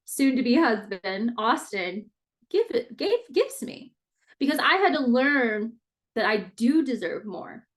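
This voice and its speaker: Her voice is a little high and fairly bright: a woman in her thirties hosting her own podcast. She speaks in an earnest, open, casual way about personal things, using everyday fillers and now and then a mild swear.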